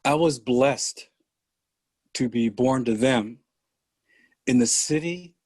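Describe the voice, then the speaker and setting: An older man from San Francisco speaks slowly and deliberately as a podcast guest, leaving pauses as he tells his story. His voice sits in a middling register and sounds close and dry, with no room around it. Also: medium pitch, a little mellow, no room sound. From San Francisco, USA. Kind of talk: conversational interview.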